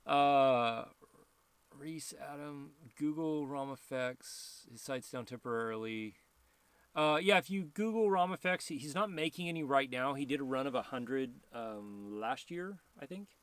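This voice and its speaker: A man's voice: mid-range voice, lively intonation, measured pace, a bit bright, clean tone, no room sound. Rambling male live stream host. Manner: rambling, laughs often, reads viewer questions aloud. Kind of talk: casual live stream chat.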